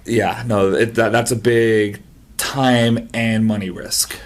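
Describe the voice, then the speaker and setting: Low-voiced man with short firm answers. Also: flat delivery, takes it slowly. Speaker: band member. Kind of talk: casual interview chat.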